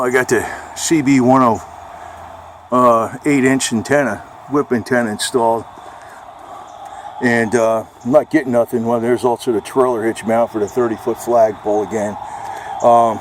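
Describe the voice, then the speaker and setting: In this homemade vlog, an American man chats in a rambling, informal way, salty but matter-of-fact. He's an amateur video blogger with a medium-pitched voice, speaking at a moderate pace and pausing often over noisy vehicle ambience.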